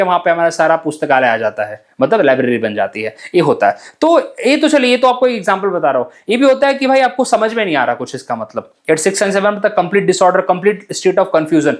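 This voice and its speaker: A young man teaching exam vocabulary in a chatty, joking way, mixing Hindi and English and sometimes rushing his words. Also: high voice, expressive. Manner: talks fast at times, admits rushing words. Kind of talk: casual Hindi-English lesson.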